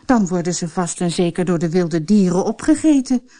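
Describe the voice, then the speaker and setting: A woman voicing a poor, gentle woodcutter father who pleads in worry in a storybook reading. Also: fairly low pitch, animated, moderate pace, lightly acted. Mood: worried. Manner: worried, pleading.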